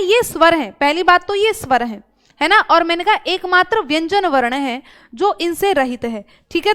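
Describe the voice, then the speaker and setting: A woman's voice: very high voice, bright, forceful tone. A woman teacher explaining grammar step by step, asking questions and answering them herself. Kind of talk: exam-prep grammar lesson.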